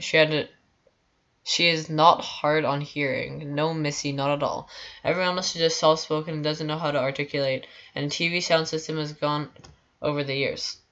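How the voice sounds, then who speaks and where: A young woman with a low voice reads a story aloud on a live stream. She stumbles often and restarts her sentences. The audio is dull and lo-fi. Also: a bit bright. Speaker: streamer reading stories aloud.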